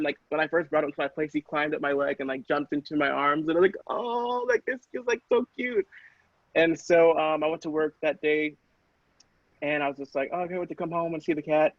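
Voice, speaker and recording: A man with a fairly high voice casually tells a personal story, rambling, hesitant and questioning himself. The recording is dull, dry and lo-fi, with no echo.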